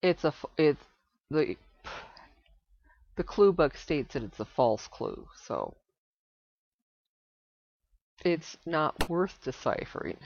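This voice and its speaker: A woman hosting a let's play of an old computer game, relaxed and thinking aloud as she reads the game's text. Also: low voice, slow, pauses often, dry recording. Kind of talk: casual game commentary. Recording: slightly dull lo-fi desktop recording.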